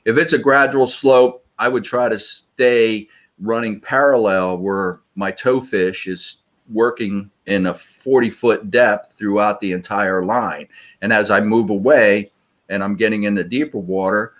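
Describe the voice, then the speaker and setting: A man with a fairly low voice explains search techniques step by step. He talks in a practical, measured way, like an instructor answering questions. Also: fairly even intonation, fairly bright tone. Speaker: sonar search trainer. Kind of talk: interview answers.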